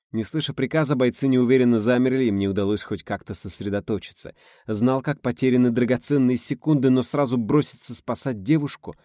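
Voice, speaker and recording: A man's voice: medium pitch, mellow, no echo, studio quality. A man reading a first-person audiobook in a tense, dramatic way. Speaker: audiobook narrator.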